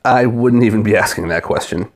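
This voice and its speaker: A man's voice: lowish voice, brisk. Scathing, sarcastic male video reviewer. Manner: scathing, sarcastic critique with crude language. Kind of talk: scripted comedic review narration.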